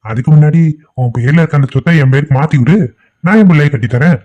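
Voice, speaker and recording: A man voicing a greedy middle-aged village thief, gruff and boastful. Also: on the high side, fast talker, a little mellow, lightly acted. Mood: scheming. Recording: dull lo-fi audio.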